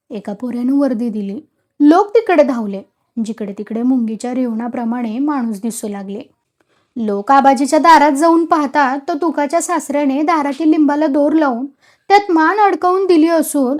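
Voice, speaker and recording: A woman storyteller reading a classic short story with expressive, dramatic delivery. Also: high voice.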